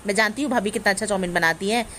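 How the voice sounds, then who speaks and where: A woman's voice: medium pitch, rapid-fire, a bit bright, slight background noise, natural voice. A woman playing a spoiled, demanding grown daughter who whines and accuses in a family comedy skit. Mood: accusing. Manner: whiny, bossy, accusing.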